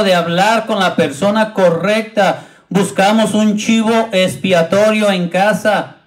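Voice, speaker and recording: High-voiced man preaching slowly. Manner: retells a Bible story, acting out the quoted speakers in raised voices; addresses the congregation directly. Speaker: pastor. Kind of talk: sermon.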